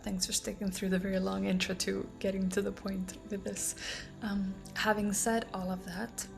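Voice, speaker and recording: A woman with a creaky, fry-laden voice that gets breathy as phrases trail off. She speaks casually and without hurry, like a breathwork guide on a vlog, wandering through her thoughts with pauses. Music plays behind her. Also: mid-range voice. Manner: unhurried, meandering, thoughtful pauses. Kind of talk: casual promotional vlog to camera.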